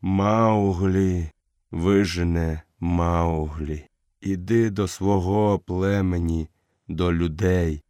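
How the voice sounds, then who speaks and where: A man's voice: fairly even intonation, extremely slow, mellow, clean tone, no room sound, studio quality. A man doing Akela, a dying old wolf leader. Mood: weary, tender. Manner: low, weak, breathless murmur. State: dying, short of breath.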